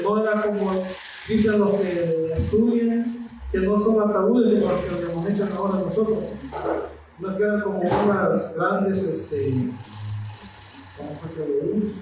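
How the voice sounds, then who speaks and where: Man, pastor, sermon, high voice, very echoey room, faint background noise. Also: darkish tone, far from the mic, highs cut off. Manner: addresses listeners as brothers, searching for words. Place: church hall.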